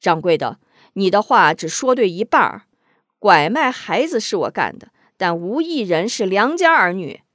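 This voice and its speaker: A woman reading a story, voicing a bold, sharp-tongued woman outlaw who talks back with fierce defiance. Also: very animated, normal speed, no room sound, clean studio sound. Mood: defiant. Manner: shrill, struggling, self-mocking laughter.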